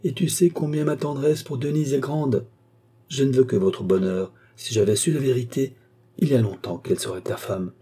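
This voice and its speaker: A man's voice: mid-range voice, normal speed, mellow, breathy edge, natural voice. A man reading an audiobook, voicing a frail, stubborn and emotional old marquis in a raised voice. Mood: moved. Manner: insistent, emotional.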